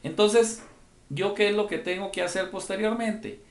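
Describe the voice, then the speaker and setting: A man's voice: high voice, normal speed, echoey room. A man giving a conference lecture on tax rules, explaining step by step and often checking in with the audience. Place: conference room.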